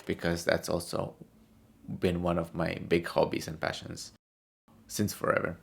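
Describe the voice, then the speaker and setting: Gravelly low-voiced man, candid vlog talk. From Croatia. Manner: candid, self-reflective. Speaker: art vlogger. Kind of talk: casual vlog narration while drawing.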